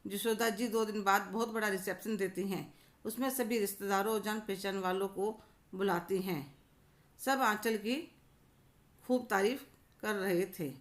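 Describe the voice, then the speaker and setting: Woman narrator, calm storytelling, mid-pitched, steady. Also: normal speed.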